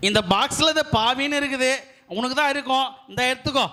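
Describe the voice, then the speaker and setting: Man doing a squeaky comic delivery-man puppet. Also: fast. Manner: loud, comic, frantic yelping and groaning. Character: bumbling comic delivery man searching for someone. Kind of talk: church puppet show.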